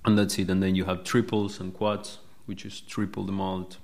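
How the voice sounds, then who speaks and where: Low-voiced man explaining beer. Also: flat delivery, moderate pace, darkish tone. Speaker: podcast guest. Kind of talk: casual chat. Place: indoor room, drinking beer with the host.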